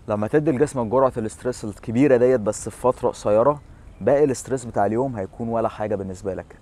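A man's voice: fairly low pitch, darkish tone, a little hiss or hum. A man in his thirties with an Egyptian Arabic accent, presenting an informal fitness explainer to camera. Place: outdoor seafront bench in a city. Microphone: lapel.

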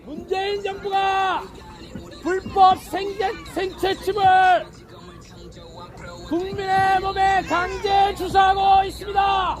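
Shouting man with a very high voice. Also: flat delivery, over music, crowd noise. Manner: shouting slogans in drawn-out phrases. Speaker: street protester. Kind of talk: shouted protest speech.

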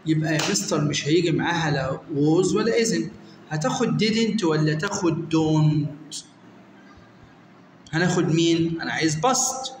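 Young egyptian man, english teacher, high voice, quizzing students by name, roomy echo, faint hiss. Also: unhurried. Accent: Egyptian Arabic. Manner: quizzes students by name, asks and answers his own questions. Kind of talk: exam revision lesson. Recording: echoey room with long reverb, faint noise.

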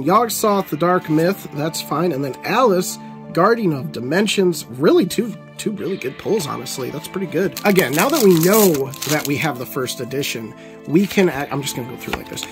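Animated man opening card packs. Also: a little high, moderate pace, soft background music. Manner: excitable, swings from glum to elated. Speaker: card unboxing vlogger. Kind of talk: casual commentary while opening packs.

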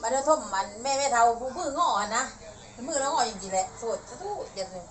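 An older woman with an Isan accent, chatting casually and reminiscing in a rambling, halting way. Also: a little high, lively intonation, crowd noise. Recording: noisy home-style recording.

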